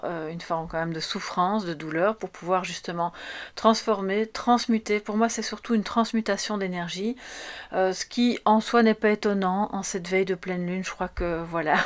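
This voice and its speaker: Soft-spoken French woman reading tarot. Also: mid-range voice. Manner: soft, hesitant, with frequent fillers and restarts. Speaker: tarot reader.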